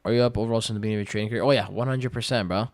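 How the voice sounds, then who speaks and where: A twenty-year-old man livestreaming, reading viewer questions aloud and answering in relaxed, slangy chat full of fillers. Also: on the low side, rapid-fire, dry recording. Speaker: day-trading livestreamer.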